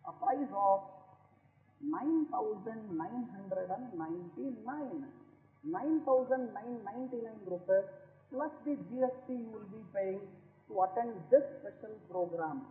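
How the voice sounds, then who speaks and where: A man giving an emphatic, repetitive sales pitch for a trading seminar to a webinar audience. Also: animated, unhurried, soft background music. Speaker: stock market trainer promoting a seminar. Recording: echoey roomy sound, tinny phone-like audio.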